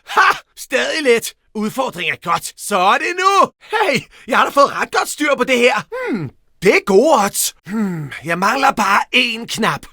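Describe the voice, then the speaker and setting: A very high, bright voice for a young hedgehog hero in a video game. He is cocky, playful and quick with a teasing jab. The delivery is energetic, and the sound is dry and close. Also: dry recording, heavily acted. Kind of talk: animated video game voice acting.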